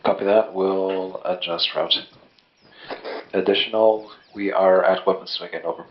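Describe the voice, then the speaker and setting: Deep-voiced male radio operator, short procedural military transmissions, dull lo-fi comms sound. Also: level tone, a little slow. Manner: brief, procedural. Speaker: squad leader answering radio calls in a military game.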